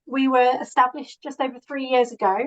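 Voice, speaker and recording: A woman's voice: high-pitched, level tone, brisk, highs cut off. A woman with a Yorkshire accent, presenting to an online meeting in an earnest way with many fillers and restarts, heard over a video call. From England. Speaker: guest presenter.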